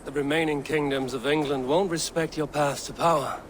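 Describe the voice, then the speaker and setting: An actor playing a steadfast, loyal Viking warrior in a video game, with a direct and assured manner. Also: male voice, fairly high pitch, steady tone, normal speed, slight background noise, lightly acted. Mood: steady.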